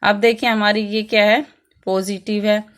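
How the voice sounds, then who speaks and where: A woman's voice: medium pitch, level tone, normal speed, fairly bright tone. A woman teaching an online English grammar lesson with an Indian English accent, reading rules out and explaining them in Hindi. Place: Rajpura, Punjab.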